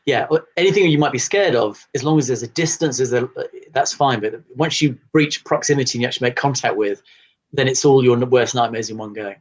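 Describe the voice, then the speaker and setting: A man's voice: mid-range voice, fairly quick. A man chatting casually as the co-host of a show. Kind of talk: casual chat.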